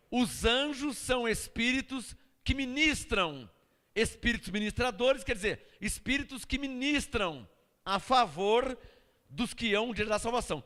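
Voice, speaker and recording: A man's voice: very high voice, pushed and bright, long reverb tail. A man preaching a sermon to a congregation, asking them to answer back and repeat after him. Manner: preaching with call-and-response questions to the congregation. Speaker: pastor.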